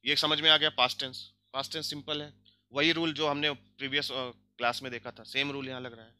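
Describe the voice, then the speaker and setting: Bright-voiced young man teaching grammar. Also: mid-range voice, little pitch movement, clear, resonant tone. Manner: explains step by step, often checks with "theek hai"; slow careful drilling of example words. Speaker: language teacher. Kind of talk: grammar lesson.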